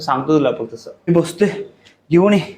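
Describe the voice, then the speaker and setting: A young man chats casually with his wife for his family vlog, teasing her and circling back over the same words. His voice sits a little high, with a faint hum of the room behind him. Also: lively intonation, a little fast. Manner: chatty, teasing, repeats himself. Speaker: vlogger husband.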